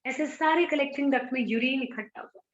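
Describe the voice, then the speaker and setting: A woman's voice: sits high, fast, reverberant, lo-fi sound. A woman teacher explaining a biology lesson, switching between Hindi and English and asking her students rhetorical questions. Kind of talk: online biology lecture.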